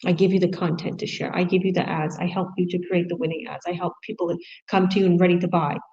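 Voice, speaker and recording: A middle-aged woman pitches her online business in a chatty, eager flow, doubling back and restarting her sentences. Her voice sits on the low side. The recording sounds muffled and lo-fi. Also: little pitch movement, fast talker, darkish tone. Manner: chatty and enthusiastic, with many restarts. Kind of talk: casual sales pitch monologue. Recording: dull lo-fi recording.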